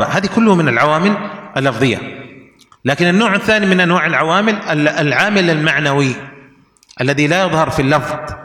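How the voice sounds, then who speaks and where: A man's voice: a little high, fairly bright tone, long reverb tail. A man teaching an Arabic grammar lesson, explaining rules through repeated examples and questions to his students.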